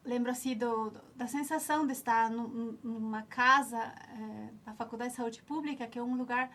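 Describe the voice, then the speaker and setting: Steady and slightly bright, this a-little-high voice belongs to an Ecuadorian woman in her forties, a nutritionist and alumna being interviewed. Speaking Spanish-accented English at normal speed, she reminisces reflectively, frequently restarting as she hunts for the right words.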